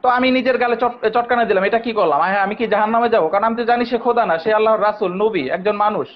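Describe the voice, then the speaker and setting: Insistent high-voiced man, muffled call. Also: quick pace. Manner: insistent, keeps interrupting to hold the floor. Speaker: former believer debating online. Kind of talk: heated online debate.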